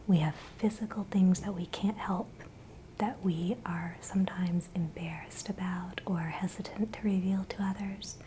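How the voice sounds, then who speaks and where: A woman giving a gentle, encouraging, unscripted ASMR pep talk in a breathy, unvoiced whisper. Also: fairly low pitch. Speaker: ASMR channel host. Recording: clear background noise, ambient hiss.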